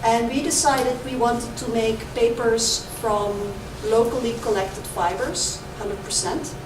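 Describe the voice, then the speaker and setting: A visiting artist with a Dutch accent, raised in the Caribbean, gives an artist talk in a voice on the high side, slow and fairly even in intonation. She's hesitant, with lots of ums and uhs. The recording is distant and noisy in an echoey room.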